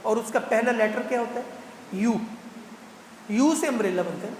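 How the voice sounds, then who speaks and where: A man, giving a lively mosque talk at a Quran gathering and putting playful rhetorical questions to the congregation. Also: extremely high pitch, a little hiss or hum. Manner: animated, teasing rhetorical questions to the crowd. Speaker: guest speaker at a Quran completion gathering. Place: large mosque hall. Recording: echoey mosque hall with long reverb.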